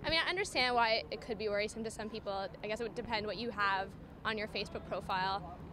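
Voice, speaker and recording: A young woman answers street interview questions quickly and a little hesitantly. She stands outdoors, and traffic is clearly heard behind her. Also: mid-range voice. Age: young adult. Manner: thoughtful, hedging. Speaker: student interviewee. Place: outdoors on campus.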